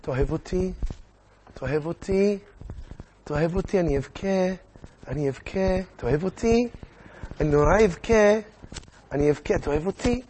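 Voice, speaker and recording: A man voicing a whiny young queen who pleads tearfully and repeats herself in a soft, higher voice. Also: long pauses, a little hiss or hum, natural voice. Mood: whiny pleading. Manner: whimpering, repeats pleas.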